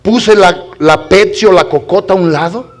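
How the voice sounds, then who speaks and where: A man's voice: high-pitched, normal speed. A male pastor preaching a sermon with fervor. He fires rhetorical questions at the congregation and calls them brothers. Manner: fervent preaching with rhetorical questions and rising shouts.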